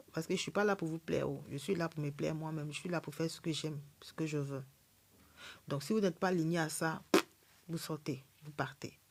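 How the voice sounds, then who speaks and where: A woman with a low, deep voice and an accent hosts a spiritual live stream. She speaks bluntly and defiantly. She keeps checking in with her viewers. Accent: non-native French accent. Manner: blunt and defiant, repeats "ok?" to the audience. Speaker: spiritual livestream host.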